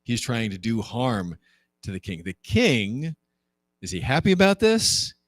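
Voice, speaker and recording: A man's voice: unhurried, no room sound, studio quality. A man, a pastor leading a Bible class, retelling a story conversationally, asking the class rhetorical questions and acting out quoted lines. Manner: conversational and animated, acts out quoted lines with jumps in pitch.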